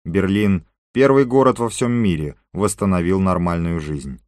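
A man voicing an excitable lively Frenchman. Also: sits low, moderate pace, no room sound, studio quality, natural voice. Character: excitable talkative Frenchman, adult.

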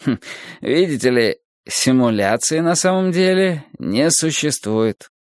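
Brief: man doing a calm, sorrowful philosopher-teacher for an audiobook, slow and measured, lively pitch, dry read. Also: no echo, lightly acted. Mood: musing. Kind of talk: audiobook character reading.

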